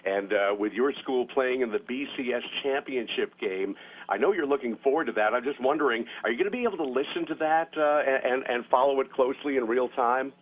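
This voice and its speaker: A man's voice: mid-range voice, fairly quick. A male news correspondent heard over a narrow radio link, asking friendly, chatty questions with many fillers. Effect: radio link, narrow phone-like audio. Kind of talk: live interview over a space-to-ground link. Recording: tinny radio link with faint hiss.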